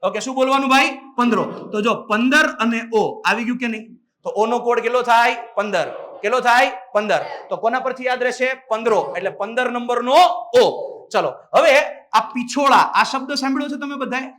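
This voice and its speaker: A male teacher giving a lively classroom lecture, drilling the class with call-and-response questions and often calling out to the students. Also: extremely high pitch, moderate pace.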